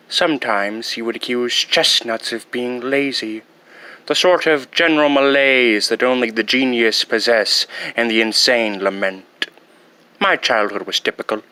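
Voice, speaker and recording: A man voicing a pompous, petty, self-pitying evil mastermind from a comedy film, speaking deliberately with over-enunciated words and dramatic pauses. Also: mid-range voice, pushed and bright, clean tone, pitched below the performer's own voice, poor audio. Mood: smug, reflective. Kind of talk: comic film villain impression.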